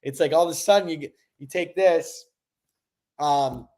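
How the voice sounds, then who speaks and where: A young man co-hosting a casual chat, excitable and rambling, stressed, swinging from low mumbles to loud bursts. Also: normal speed. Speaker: podcast co-host.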